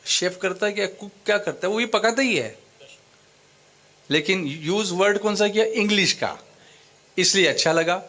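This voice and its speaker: A man with a slightly high voice lectures a gathering in sermon style. He works through his point step by step, repeating phrases and quizzing his listeners. English words slip into his speech as he goes. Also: pauses often, bright, forceful tone. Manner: explanatory, quizzes the audience, repeats phrases for emphasis. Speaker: Islamic preacher.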